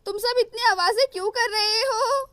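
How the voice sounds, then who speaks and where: A woman voicing a bossy older mother-in-law in a cartoon story, speaking slowly and commandingly. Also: extremely high pitch, fairly bright tone, no echo, clean studio sound. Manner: slow, drawn-out commanding speech.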